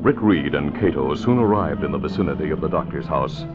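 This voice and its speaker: A man's voice: a bass voice, lively intonation, brisk, music in the background. A man reading dramatic scripted narration for a mid-century radio adventure serial. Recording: dull old radio recording.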